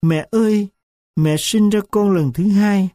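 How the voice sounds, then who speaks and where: A man doing a sobbing young daughter, high and pleading. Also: slow, warm tone, no echo, clean studio sound. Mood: tearful. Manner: raised, tearful pleading.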